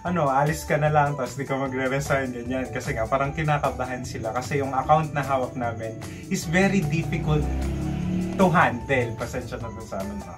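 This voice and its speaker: A young man with a Filipino accent telling a story casually in a vlog, in an animated way, acting out bits of dialogue. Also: medium pitch, a little fast, music in the background. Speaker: vlogger recounting call center training. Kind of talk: casual storytelling vlog, mixing Tagalog and English.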